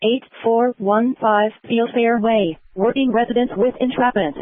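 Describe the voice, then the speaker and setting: A female emergency dispatcher with a fairly high voice. She reads formulaic announcements over a thin, phone-like radio channel. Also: steady tone, measured pace, no echo. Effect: two-way radio.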